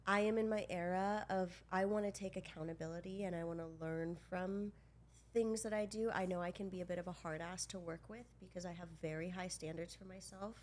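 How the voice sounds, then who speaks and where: A woman's voice: lowish voice, steady tone, a little fast, a little hiss or hum. Gushing, enthusiastic woman co-host. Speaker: podcast co-host. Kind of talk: casual interview chat.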